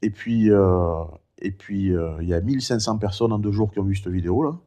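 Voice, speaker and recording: A middle-aged man talking casually in a vlog, rambling and chatty with many fillers; one vocal cord is impaired, so he has no high head voice. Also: a little fast, dark tone. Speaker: vlogger recounting his cancer.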